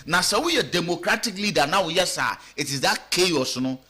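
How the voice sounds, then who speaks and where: Ghanaian male pundit, fairly high bright voice, radio talk show commentary, animated and questioning. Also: normal speed, slightly rough. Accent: Ghanaian English with Twi. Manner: animated, rhetorical questions, mixing English and Twi. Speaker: political commentator.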